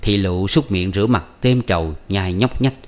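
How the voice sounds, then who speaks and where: Lower-voiced male audiobook narrator. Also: normal speed. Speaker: audiobook reader. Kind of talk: scripted narration of a classic novel.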